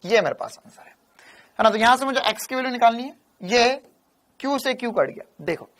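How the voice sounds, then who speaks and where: A man teaching a physics lecture in an animated, teasing way, repeating key lines. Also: extremely high pitch, moderate pace. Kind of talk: classroom lecture.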